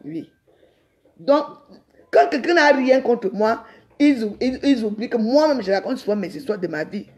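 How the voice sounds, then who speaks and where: A woman's voice: a little high, expressive, normal speed, a little mellow. A middle-aged woman, ranting defiantly on a live stream and rambling with repeated words. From Cameroon. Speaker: social media livestreamer.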